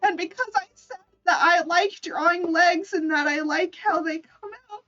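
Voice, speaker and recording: Her voice is very high-pitched, bright, and forceful, at a moderate pace, captured far from the mic on lo-fi sound. The streamer and VTuber artist chats casually with viewers about her drawings, playful and free with swearing.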